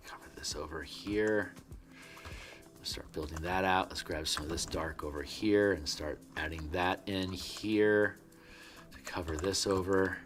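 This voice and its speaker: A man's voice: sits low, measured pace, fairly bright tone, soft background music. A man streaming his artwork, chatting casually and murmuring instructions to himself as he works, with chatty asides and frequent restarts. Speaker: artist streaming his work. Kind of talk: casual livestream chat while painting.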